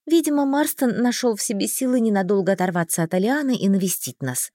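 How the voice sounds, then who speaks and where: A woman narrating a first-person audiobook in a smooth, steady storytelling manner. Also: mid-range voice, fast, dry recording, studio quality.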